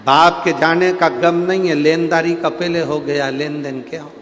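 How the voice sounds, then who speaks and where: A man's voice: on the high side, steady tone, moderate pace, slight background noise. Man preaching a storytelling sermon in a big hall. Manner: acts out characters in a folksy parable, swinging from loud to hushed. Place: large outdoor religious gathering. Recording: long hall reverb.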